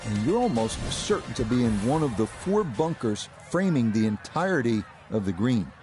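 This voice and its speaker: A man playing a TV golf commentator in a video game, giving measured, polished broadcast commentary. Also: medium pitch, big pitch swings, lightly acted. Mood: informative. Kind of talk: scripted television-style golf commentary. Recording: music and crowd behind voice. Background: background music and crowd.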